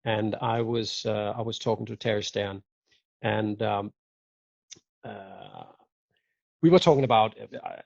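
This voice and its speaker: A man's voice: lowish voice, very animated, measured pace, gravelly, long pauses, a little mellow, dry recording. A man chatting casually as a guest on a video call, joking and laughing often with rambling asides. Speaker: guest watch collector. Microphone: video call mic. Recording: dull lo-fi call audio.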